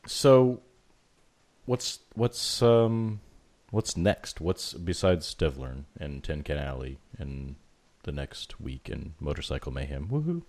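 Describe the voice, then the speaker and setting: A man's voice: rumbling low, slow pace, darkish tone, dry recording. A man co-hosting a casual podcast chat, joking and teasing, stumbling over his words.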